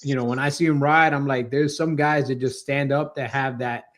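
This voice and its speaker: A man's voice: mid-range voice, fairly even intonation, moderate pace. A male panelist in a casual chat, slangy and emphatic, dwelling on his points. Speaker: podcast panelist.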